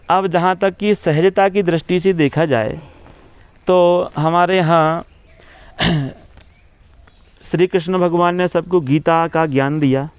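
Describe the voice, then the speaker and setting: A preacher man speaks in a measured, explaining way, repeating key phrases and slowing down to recite verses. His voice is fairly high and smooth. The sound is dry and close, with no room echo. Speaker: religious preacher giving an interview. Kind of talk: devotional explanation in a press talk.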